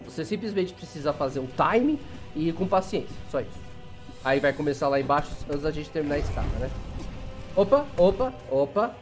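A young Brazilian man with a slightly high voice narrates his gameplay in a chatty, running commentary. He talks straight to his viewers and bursts into sudden excited yelps. Faint game music plays underneath. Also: fairly quick. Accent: Brazilian Portuguese. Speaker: gameplay channel host. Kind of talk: let's play commentary.

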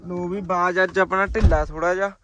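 A man's voice: high-pitched, fairly even intonation, brisk, pushed and bright, highs cut off, slight background noise. A man from Punjab, India, chatting casually to his vlog viewers from inside a car and coaxing a small child to talk. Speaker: vlogger.

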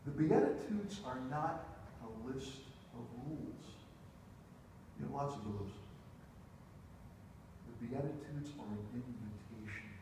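Middle-aged pastor preaching in echoey church. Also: male voice, medium pitch, animated, slow pace, long pauses, noisy background. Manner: storytelling, moves about the stage with wide gestures. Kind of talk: sermon. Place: church sanctuary, large indoor room. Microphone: distant room mic, preacher away from the camera. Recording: echoey church hall heard from far off.

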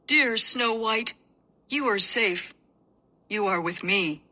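A woman's voice: fairly high pitch, slow pace, bright, forceful tone, full character voice. A woman voicing a devoted young prince in a storybook reading, speaking earnestly and pleadingly. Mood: tender.

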